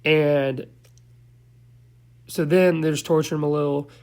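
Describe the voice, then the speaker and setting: A man's voice: on the high side, steady tone, measured pace, a little mellow. A man giving a loose, slangy, profane recap of a movie, now and then losing track of names. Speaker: movie reviewer.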